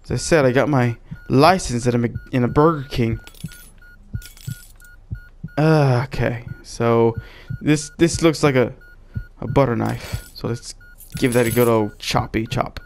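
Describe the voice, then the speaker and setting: A man giving comedic gameplay commentary, excitable, bantering as a mock doctor and yelping and shouting at mishaps. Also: mid-range voice, unhurried, gravelly, soft background music. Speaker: gaming video creator.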